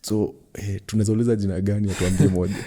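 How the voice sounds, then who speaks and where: A man's voice: on the low side, level tone, rapid-fire, warm tone. A man with a Kenyan accent hosting a casual podcast chat, playful and laughing, with sing-song intros. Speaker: podcast host. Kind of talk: casual chat mixing Swahili and English.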